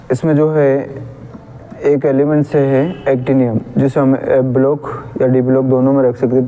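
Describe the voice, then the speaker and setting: A man's voice: medium pitch, dark tone, slight background noise, poor audio. A man with a Hindi accent teaching chemistry, patiently repeating a memory trick and correcting his own slips.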